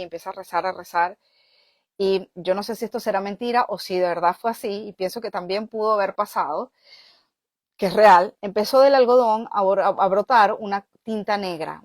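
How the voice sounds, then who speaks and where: A woman, a spiritual healer telling a personal story in an animated way, often checking in with her listeners. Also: mid-range voice, dry recording, clean studio sound.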